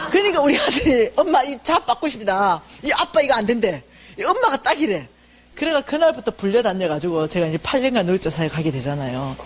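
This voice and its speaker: A middle-aged woman giving a church lecture, telling a personal testimony in an animated way and acting out the voices of the people she quotes. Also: on the high side, a little hiss or hum.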